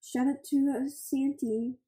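A woman's voice: high-pitched, fairly even intonation, takes it slowly, warm tone, reverberant, poor audio. A young woman, giving chatty, scattered gameplay commentary full of "like" and "okay" as a gaming channel host.

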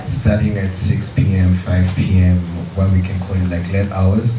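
A man organizing a concert, explaining the plans at a press conference in a steady, explanatory way. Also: deep voice, moderate pace. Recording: distant mic, echoey, loud noise.

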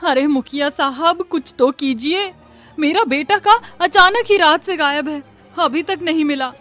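A woman voicing a worried village mother in a cartoon, pleading in a high, strained voice. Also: measured pace, fairly bright tone, soft background music.

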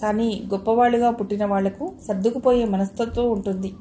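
A woman's voice: medium pitch, steady tone, brisk, dark tone, roomy sound, a little hiss or hum, close to an everyday voice. A woman voicing a playful, earnest young student sister in an audio novel.

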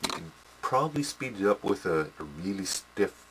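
A middle-aged hobby modeler with a very low voice gives a casual demo in a small indoor workshop, very animated and at normal speed. He rambles with lots of fillers and restarts, tagging sentences with "eh." The audio comes from a noisy home camcorder.

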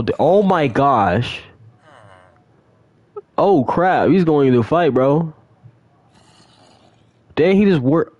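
A young man giving casual, rambling commentary on his survival game, often repeating excited exclamations. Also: mid-range voice, no echo. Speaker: gaming channel host.

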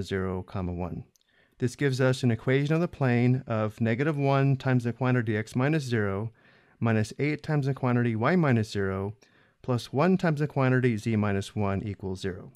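A man explaining a math problem step by step in a screencast lesson, steady and methodical. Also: mid-range voice, dry recording, studio quality. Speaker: math instructor.

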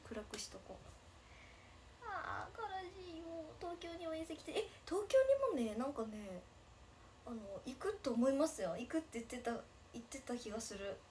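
A woman's voice: high voice, lively intonation, normal speed, darkish tone, slight background noise. Bubbly young woman with a Nagasaki lilt. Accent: Nagasaki dialect. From Japan, Nagasaki. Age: 20s. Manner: bubbly, giggly, reacts to comments. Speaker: idol livestreamer. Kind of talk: casual livestream chat reading comments.

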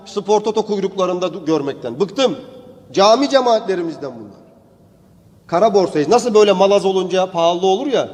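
Man preaching a sermon with high pitch. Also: darkish tone, in a large hall. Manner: storytelling, rising into emphatic declaiming.

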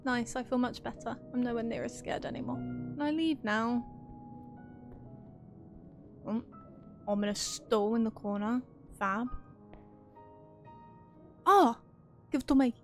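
Jumpy high-voiced woman gamer. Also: unhurried, pauses often. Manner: jittery, talks to herself, jokey. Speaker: gaming streamer. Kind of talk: horror game let's-play commentary. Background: game music.

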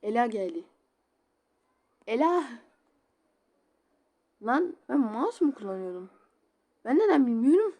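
A woman's voice: a little high, big pitch swings, slow, pauses often, mellow. A woman chatting casually while she plays a game, giggling often and reading chat messages aloud. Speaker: game streamer. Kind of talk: casual gameplay commentary.

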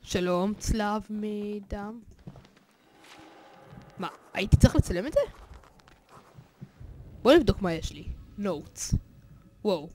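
A man hosting a horror game let's play, excitable and jokey, swearing often and yelling at the scares. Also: high voice, long pauses, slight background noise. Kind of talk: gaming commentary.

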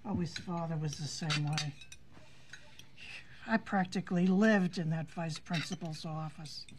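A woman's voice: low voice, a little slow, slight background noise. A sour old grandmother. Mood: complaining. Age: older. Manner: sour, complaining. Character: bitter old grandmother, scolding and complaining. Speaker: grandmother at family dinner. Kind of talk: TV drama acting.

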